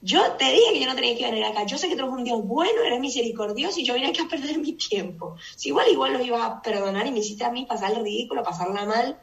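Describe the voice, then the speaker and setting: A woman's voice: on the high side, animated, fast, vocal fry, few pauses, a bit bright. A woman voicing a sulky adult male prophet, whiny and exasperated. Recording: echoey room, distant mic.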